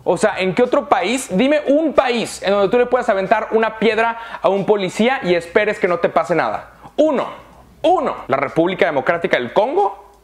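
A man's voice: sits high, lively intonation, a little fast. A young man from Monterrey with a northern Mexican accent, giving a blunt, profane opinion rant straight to camera. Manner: blunt, profane and heated, mocking voices. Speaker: vlogger.

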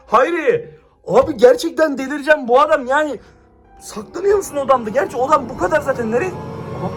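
A young man vlogging at home into a handheld camera, frantic and exclaiming, constantly talking to his viewers. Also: extremely high pitch. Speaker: YouTuber. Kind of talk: staged excited vlog.

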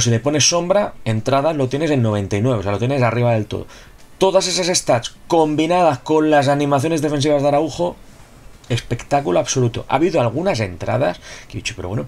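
A man with a gravelly, slightly creaky voice at an ordinary pitch talks through a football game card review. He keeps it casual and chatty, circles back to his points and tosses in rhetorical questions. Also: darkish tone. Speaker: gaming YouTuber reviewing a player card. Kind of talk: casual video review commentary.

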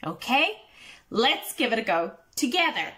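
A woman's voice: fairly high pitch, sing-song, measured pace, pushed and bright. A woman leading a children's arts workshop, singing songs and cheerfully encouraging the children to join in.

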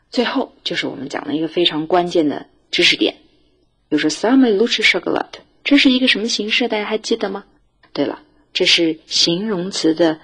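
A woman teaching a recorded language lesson, her voice lower and a little husky. She explains each point with a lively, rising and falling tone, then reads model sentences slowly for the class to repeat.

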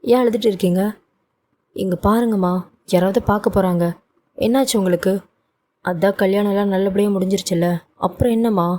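A woman's voice: mid-range voice, steady tone, fairly quick, pauses often, darkish tone, lightly acted. A woman doing a coaxing young son. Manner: coaxing, brushing things off. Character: young adult man, cheerful son hiding his hurt.

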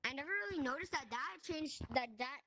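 A young woman playing a VR game, talking excitedly and yelling with a friend. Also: high voice, quick pace, background noise. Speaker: VR game player. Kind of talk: casual gameplay chatter. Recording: game music behind.

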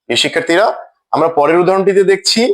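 A teacher talks through a grammar lesson at a slow, deliberate pace. His voice sits high for a man. He says each example word twice, as if reading from a script. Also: a bit bright.

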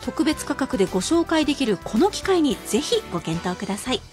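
On live radio, a woman with a high, very lively voice makes an emphatic shopping pitch. She slows down to spell out prices and numbers carefully, with a music bed clearly audible behind her.

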